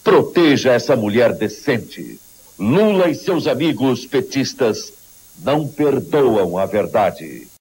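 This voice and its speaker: A man's voice: medium pitch, big pitch swings, takes it slowly, a little mellow, slight background noise, rough recording. Urgent dramatic male announcer. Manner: grave, urgent, warning tone. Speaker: campaign ad announcer. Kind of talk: dramatic voice-over narration.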